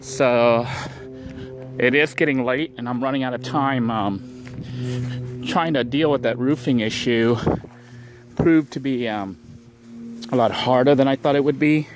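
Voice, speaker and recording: A man's voice: mid-range voice, a little slow, pauses often, music in the background. A man narrating a casual outdoor vlog, rambling and thinking aloud with lots of fillers, recorded on a handheld camera. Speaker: vlogger building a shelter. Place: outdoors in brush.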